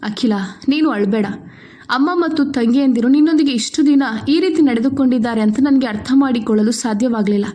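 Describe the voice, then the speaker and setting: Earnest, protective young husband in a storybook, voiced by a woman with a high voice. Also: brisk, warm tone, close to an everyday voice. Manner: earnest, pleading.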